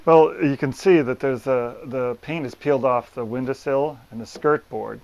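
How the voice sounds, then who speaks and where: In a room of an old house, a plaster repair business owner and presenter walks the camera through a hands-on repair job. His mid-range voice is a little mellow, and he explains each step in a plain, practical way with deliberate pauses.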